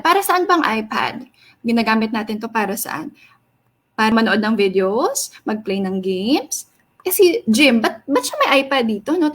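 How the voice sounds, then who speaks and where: Woman, young, high bright voice, animated kids' story reader who quizzes her listeners. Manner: expressive, sing-song, asks children questions. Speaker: storyteller reading to children. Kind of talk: animated read-aloud storytelling for kids.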